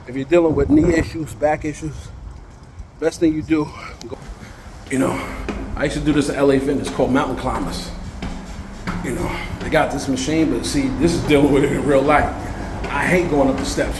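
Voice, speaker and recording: High-voiced New man vlogging outdoors. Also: noisy background. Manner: casual, preachy and encouraging, says he sounds out of breath. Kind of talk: motivational walking vlog. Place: outdoors at a train station.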